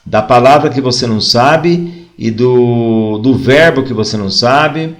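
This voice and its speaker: A man with a Brazilian Portuguese accent teaching an online English lesson, drilling phrases slowly and then explaining casually. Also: medium pitch.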